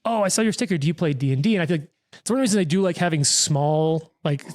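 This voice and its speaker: A man in his thirties, serving as game master, chats casually at the gaming table, rambling and poking fun at himself, with lots of quoted asides and restarts. His voice is fairly high and slightly mellow, and he talks at a racing pace.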